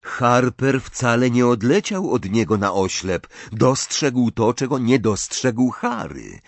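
Lively male audiobook narrator. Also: mid-range voice, slow, no room sound. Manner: lively, expressive reading. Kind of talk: scripted narration.

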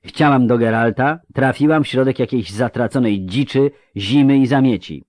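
A man's voice: medium pitch, normal speed, a little mellow, no room sound, studio quality, pitched above the performer's own voice, natural voice. A man voicing a weary, self-mocking young woman in a read-aloud story, raising his voice for her. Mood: frustrated, urging.

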